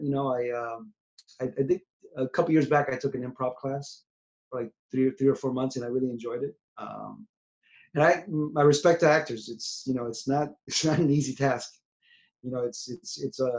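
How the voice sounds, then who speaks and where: Speaking from a small home room over a video call, a New York City man in his forties, a singer-songwriter, gives a casual interview full of restarts, rambling, and quiet trail-offs. His voice is mid-range, and the webcam audio sounds dull and lo-fi.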